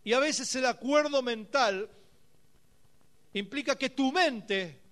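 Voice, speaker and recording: A male pastor delivering a sermon at a live congress, swinging between hushed, quiet passages and fervent shouted exhortation. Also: very high-pitched, slow. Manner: impassioned preaching, dropping to hushed tones then shouting.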